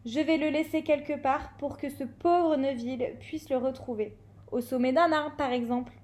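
A spiteful schoolboy bully sneers and taunts his classmates, as a woman reading a storybook aloud puts him on. The voice sits a little lower than her own bright, high narration, and every line drips with mockery. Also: fairly even intonation, normal speed, lightly acted. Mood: taunting. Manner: mocking, taunting.

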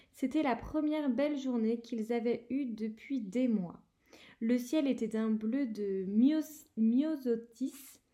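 Amateur female reader, high yet mellow voice, storybook narration with occasional restarts. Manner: gives characters slightly raised voices, frequent slips and restarts. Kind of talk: reading a novel aloud.

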